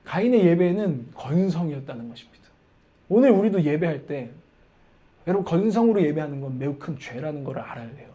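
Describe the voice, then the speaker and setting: A male preacher delivers a sermon in a chatty, conversational way. His voice is high-pitched yet warm and soft. He keeps checking in with his listeners through questions. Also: muffled recording. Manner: conversational, asks the congregation questions.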